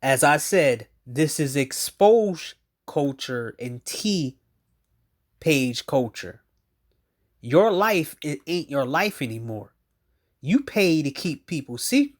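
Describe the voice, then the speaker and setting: Slow, blunt man commenting. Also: on the high side. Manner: drawling, blunt, crude. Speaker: commentator reacting to a clip.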